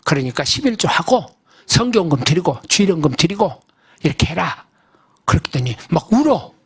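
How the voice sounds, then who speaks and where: A man's voice: on the high side, sing-song, normal speed, a bit bright, husky. An older man preaching a sermon as a pastor. He tells a story in a folksy, emphatic way and keeps asking the congregation questions. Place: church service.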